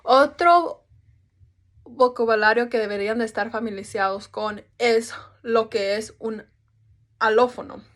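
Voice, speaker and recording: A woman's voice: a little high, measured pace, a bit bright. A young woman explaining a topic in a class presentation, casual, with restarts and English fillers. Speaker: student presenter.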